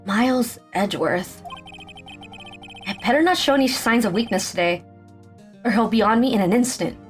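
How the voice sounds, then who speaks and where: A woman's voice: on the high side, animated, normal speed, soft background music, natural voice. Woman playing a nervous young male lawyer, anxious inner thoughts.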